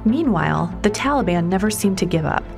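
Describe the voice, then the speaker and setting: A woman reporter narrating a documentary story in a measured storytelling way, sometimes stressing questions. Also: mid-range voice, animated, gravelly. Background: music underneath.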